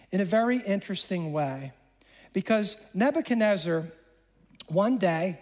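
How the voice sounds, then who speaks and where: A man delivers a sermon with a notably high voice, retelling an old story in a loose, chatty way. He slips into quick impressions of the characters and throws in casual asides to the congregation. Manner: animated, acts out dialogue in voices. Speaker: preacher.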